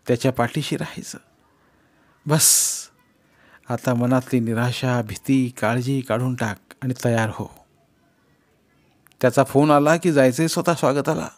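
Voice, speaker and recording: A male narrator reads a short story aloud at a measured pace. His mid-range voice stays steady and expressive through the narration. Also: medium pitch. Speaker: audiobook narrator.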